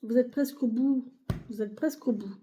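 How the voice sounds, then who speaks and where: A woman's voice: fairly high pitch, moderate pace, warm tone, highs cut off. A woman giving a weekly tarot reading to camera, speaking to viewers in a reassuring way and hesitating often with fillers and repeated phrases. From France. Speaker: tarot reader.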